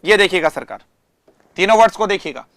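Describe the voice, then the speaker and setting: A man teaching English vocabulary in an online class, explaining in Hindi and reading English example sentences slowly with stress, often asking the students questions and answering them himself. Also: high voice, expressive, fairly bright tone, dry recording. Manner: addresses students directly, asks and answers himself.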